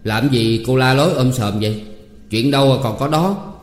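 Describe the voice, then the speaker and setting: A man's voice: medium pitch, moderate pace, voice pushed up, close to an everyday voice. A man doing a blustering young master. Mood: grumbling. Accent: Southern Vietnamese. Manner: shouting, threatening. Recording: echoey hall with faint music.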